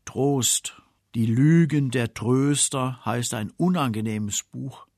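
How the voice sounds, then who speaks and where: A man's voice: mid-range voice, dry recording, studio quality. Reflective man giving a devotional. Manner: reflective, measured, quietly self-ironic. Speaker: preacher. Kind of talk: scripted spiritual reflection.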